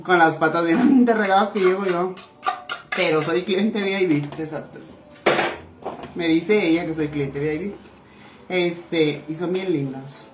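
A woman chatting warmly with viewers while cooking in her home kitchen, calling them little treasures. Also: lowish voice. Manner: chatty and affectionate, calls viewers "tesoritos". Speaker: cooking vlogger. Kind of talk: casual cooking chat to viewers. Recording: echoey room with faint noise.

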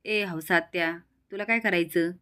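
A headstrong young villager argues back and refuses to budge , voiced by a woman retelling a drama. The voice is lowish and plain, told as a story. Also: normal speed, sharp tone, clear, resonant tone. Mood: defiant. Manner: defiant, protesting. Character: stubborn defiant young village man.

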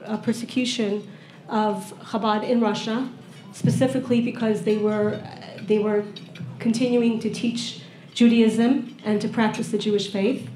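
A young woman interviewer speaking formally and clearly on stage through a handheld mic. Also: on the high side, mellow. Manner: formal and articulate. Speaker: interviewer and program director. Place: event hall with audience. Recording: echoey hall, faint room ambience.

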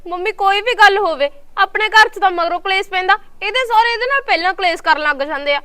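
A woman playing a blunt, bossy young daughter-in-law who talks quickly. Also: very high-pitched, sharp tone. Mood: indignant. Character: sharp-tongued young wife, quick and bossy. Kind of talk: village family drama acting.

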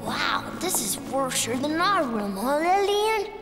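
A woman's voice: sits high, big pitch swings, slow pace, long reverb tail, over music, full character voice. A woman voicing a curious little boy and girl, toddlers in a cartoon, chirpy and babyish. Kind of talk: cartoon voice acting.

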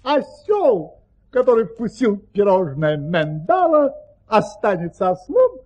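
Husky, animated Baron Munchausen. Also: male voice, sits high, slow, dull audio, exaggerated voice. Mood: urgent. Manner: theatrical, expressive. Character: Baron Munchausen, excitable boastful adventurer and storyteller. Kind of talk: Soviet audio play acting.

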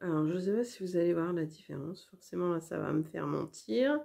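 With a fairly low, creaky yet mellow voice, a knitting vlog host talks in an animated, brisk way as she shows her work to the camera. The casual chat is hesitant, with many fillers and restarts.

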